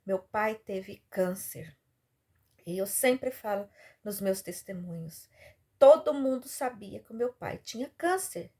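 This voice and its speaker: A woman's voice: animated, slow pace. A woman preaching a sermon, telling a story with big emotional swings. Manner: emotional storytelling, sudden swings in pitch and loudness.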